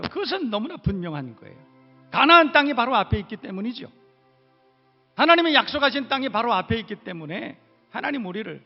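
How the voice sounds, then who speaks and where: A man's voice: high voice, in a large hall, muffled recording. A male pastor preaching a sermon in a church, emphatic, with repeated rhetorical questions. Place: church sanctuary.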